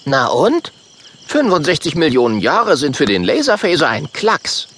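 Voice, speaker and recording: A man's voice: a little high, sing-song, measured pace, a little hiss or hum, voice pushed up. A man voicing a curious, adventurous little male fire dragon in a children's audiobook, eager and teasing.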